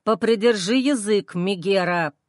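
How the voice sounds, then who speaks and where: A woman voicing a hostile, scornful young man in an audiobook, speaking lower and sneering. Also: a little slow, dry recording, studio quality, natural voice. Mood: hissing. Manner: sneering, snappish.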